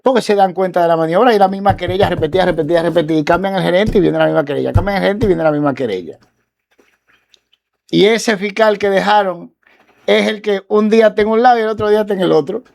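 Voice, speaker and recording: A man, a guest lawyer on a talk show, telling a case story in a casual, animated way and acting out the quoted dialogue. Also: sits high, fast talker, vocal fry.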